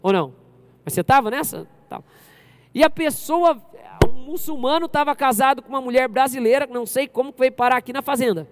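A man from Brazil preaching a lively sermon to his congregation as pastor, often questioning the crowd directly. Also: very high-pitched, fairly quick. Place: church service.

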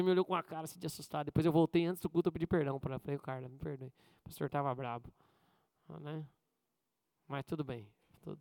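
Pastor preaching. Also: male voice, no room sound. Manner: swings between loud high bursts and quiet low asides. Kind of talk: sermon.

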